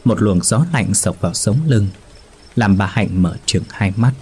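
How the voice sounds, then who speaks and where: A man narrating a ghost story in a steady, somber manner. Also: on the low side, unhurried, slightly rough.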